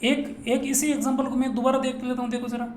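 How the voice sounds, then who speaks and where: A male teacher from Rajasthan, India, gives a grammar lesson in a very high voice with little pitch movement, a quick pace, and a darkish tone. Playful and repetitive, he drills students by asking questions and answering them himself, going over each point many times. The room is echoey with faint noise.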